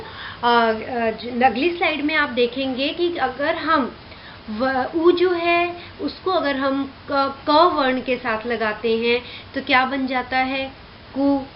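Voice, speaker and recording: A woman teaching a Hindi lesson to young children, drilling syllables clearly and often checking with the class. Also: high-pitched. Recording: dull lo-fi recording with faint hiss.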